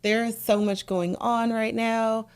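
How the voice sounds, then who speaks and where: A woman guest on a housing podcast, chatting casually, laughing often and agreeing quickly with the hosts. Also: fairly high pitch, little pitch movement, smooth. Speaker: guest, housing nonprofit director.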